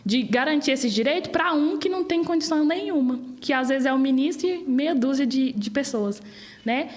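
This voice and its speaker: A high-voiced young woman in her twenties speaks with a Brazilian Portuguese accent. She makes her case with passion and energy, like a guest in an interview. Her voice sits well above most women's. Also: moderate pace. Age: 20s. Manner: passionate, animated argument.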